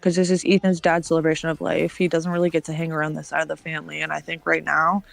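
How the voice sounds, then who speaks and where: A woman's voice: low-pitched, quick pace, creaky. Woman telling a story while streaming. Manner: animated storytelling, acts out other people's lines, frequent swearing. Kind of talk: casual storytelling chat.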